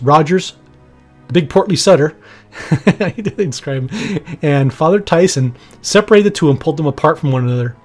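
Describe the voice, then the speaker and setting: A man hosts a podcast and narrates a written account, breaking off for wry, joking remarks. His voice is husky and sits a bit high for a man. Faint music plays underneath. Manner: wry, jokey asides. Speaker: podcast host. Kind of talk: reading and commenting on an account.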